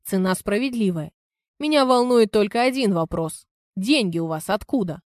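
A woman reading an audiobook, voicing a calm, ironic young man who speaks in a measured way. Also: mid-range voice, no echo, studio quality, natural voice. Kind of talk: audiobook character voice.

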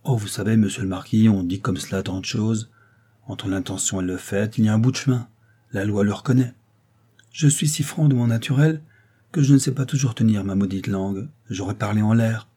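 A man's voice: fairly low pitch, fairly quick, dark tone, slightly rough. A man voicing a sly, scheming middle-aged man who feigns humble servility, talking in a fawning, wheedling way.

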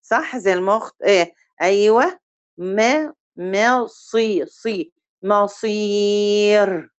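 Egyptian woman teaching recitation, drawn-out examples. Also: medium pitch, lively intonation, highs cut off. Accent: Egyptian Arabic. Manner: quizzes students and drawls example words slowly to demonstrate them. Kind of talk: tajweed review lesson.

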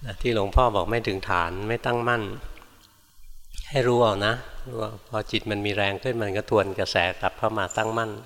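An older man, a monk teacher, giving a calm, unhurried Dharma talk and gently admonishing listeners as he answers their practice reports. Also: lowish voice, in a large hall.

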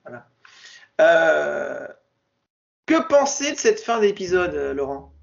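A man with a high, gravelly voice talks casually on a podcast, stopping and restarting often. The sound is muffled and lo-fi. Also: very animated, takes it slowly. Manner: hesitant, many fillers and restarts. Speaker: podcast co-host. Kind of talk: casual chat.

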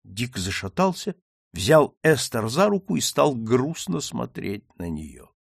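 Husky male audiobook narrator, lively delivery. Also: medium pitch, takes it slowly, dry recording, clean studio sound. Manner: acts out each character's lines with raised, emphatic delivery. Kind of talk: dramatic audiobook reading.

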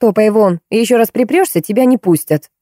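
A woman's voice: mid-range voice, fairly quick, mellow, no room sound, clean studio sound, voice pushed up, natural voice. A woman reading an audiobook, voicing a harsh, angry female housekeeper who scolds and snaps. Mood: scolding.

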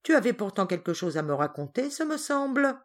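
A woman voicing a stern but fair father who speaks in a measured, grave, reproachful way. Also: on the high side, very animated.

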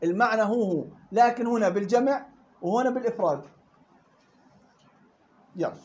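A man with a Levantine Arabic accent teaching a Quran recitation class, explaining points in everyday speech and quizzing his students with quick questions. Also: high voice, a little mellow, lo-fi sound. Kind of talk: classroom lesson.

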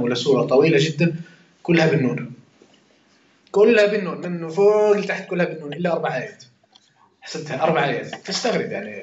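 Algerian male Quran teacher, rapid and conversational, quizzing his circle; roomy, muffled recording. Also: fairly high pitch, a little hiss or hum. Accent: Algerian Arabic. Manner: conversational, swears oaths, quizzes listeners. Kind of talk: informal Quran commentary lesson.

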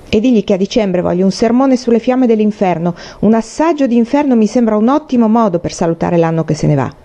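A woman reading the part of a blunt, provocative man who booms and teases in an audiobook. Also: warm tone. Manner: booming, teasing, blunt. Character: blunt loud provocative middle-aged man. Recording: dull lo-fi recording.

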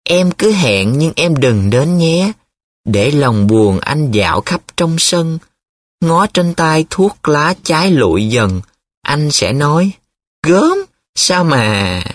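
A man's voice: mid-range voice, expressive, a little fast, a bit bright, no room sound. A man voicing a teasing, dramatic young male student who talks in a playful, showy way, in an audiobook. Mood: reciting. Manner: playful, showy, sing-song when reciting.

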